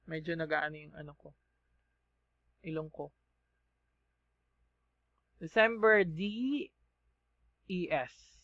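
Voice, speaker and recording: Slow Filipino man teaching, lo-fi sound. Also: high voice, sharp tone, dry recording. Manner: slow, spells letters one by one, checks in with "okay?". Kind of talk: spelled-out shorthand lesson.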